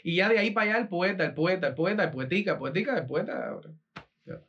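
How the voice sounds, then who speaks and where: A man with a Cuban Spanish accent recalls his past in a relaxed interview, talking animatedly with plenty of laughs and fillers. His voice sits fairly high for a man and comes through a dull, lo-fi recording. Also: fast. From Cuba. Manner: animated storyteller, laughs often, many fillers. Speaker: guest, improvising poet and musician. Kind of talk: storytelling interview chat. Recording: dull lo-fi sound.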